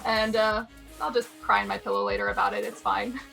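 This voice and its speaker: A woman's voice: mid-range voice, big pitch swings, a little fast, vocal fry, pushed and bright, faint music behind, full character voice. A woman playing a breezy rave diva. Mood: wistful. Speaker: competing artist.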